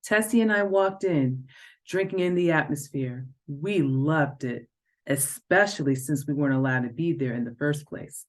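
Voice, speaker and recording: A woman reads an excerpt of her own novel in a low, deep voice. She tells the story expressively and lifts her pitch to stress key moments. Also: moderate pace. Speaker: author reading her own book. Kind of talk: reading a novel excerpt aloud.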